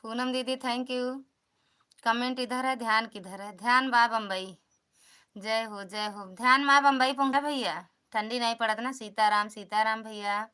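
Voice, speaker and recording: Casting: chatty Awadhi-accented woman, livestream host, high bright voice, greets every commenter. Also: unhurried, clear, resonant tone. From Uttar Pradesh, India. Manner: chatty, greets commenters by name, calls for support and returns. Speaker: live stream host. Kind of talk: casual live-stream chat greeting viewers.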